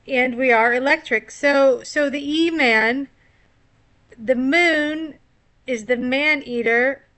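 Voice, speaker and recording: A woman's voice: high voice, bright, forceful tone. A woman giving a rambling spiritual monologue, full of wordplay, repeating and restarting her words. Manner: laughs at own puns. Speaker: esoteric astrology commentator.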